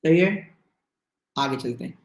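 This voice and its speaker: A male teacher with a Hindi accent, explaining reasoning questions in an online exam-prep class with lively, teasing asides and little acted-out dialogues. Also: mid-range voice, slow pace, roomy sound.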